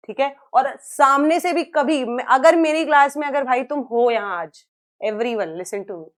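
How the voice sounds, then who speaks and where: Young woman teacher, high voice, earnest and coaxing, class lecture. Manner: earnest, coaxing, mixes Hindi and English.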